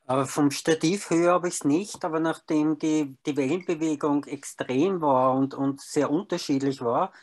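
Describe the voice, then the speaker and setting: A man's voice: fairly high pitch, moderate pace, hardly any pauses, darkish tone. Austrian man, photographer, rambling explanation, casual. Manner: rambling with restarts. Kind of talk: casual discussion.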